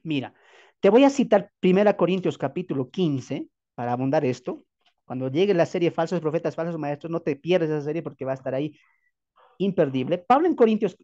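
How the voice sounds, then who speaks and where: A man's voice: on the high side, dark tone, dull audio. A man from Bolivia, a pastor teaching from the Bible in an emphatic preaching style full of rhetorical questions and repeated phrases. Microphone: video call.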